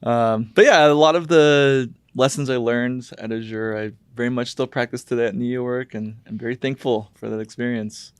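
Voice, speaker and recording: Young male podcast host, smooth and clear, easy joking delivery, dry sound. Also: mid-range voice, fairly even intonation, normal speed, few pauses, dry recording. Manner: light, joking storytelling. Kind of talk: casual podcast conversation.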